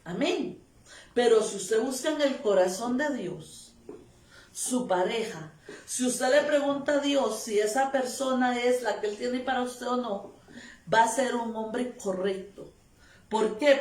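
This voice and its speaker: A woman preaches a sermon in an unhurried, deliberate way, pressing each point with repeated phrases and amens. Her voice sits high. The recording picks her up from some distance in a room with a noticeable echo. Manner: emphatic, repetitive, calls of amen.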